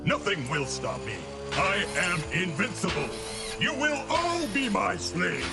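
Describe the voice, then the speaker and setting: A man voicing a menacing cartoon robot conqueror with a formal, pompous robot-servant delivery, over loud music. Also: high-pitched, big pitch swings, unhurried, gravelly, full character voice. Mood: triumphant menace. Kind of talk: cartoon voice acting. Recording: loud music bed behind.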